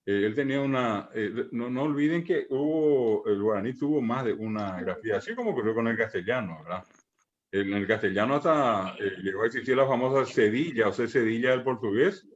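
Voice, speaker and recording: A man teaching a language class online, patiently repeating examples, pausing on fillers and checking in with his students. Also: medium pitch. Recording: muffled online call audio.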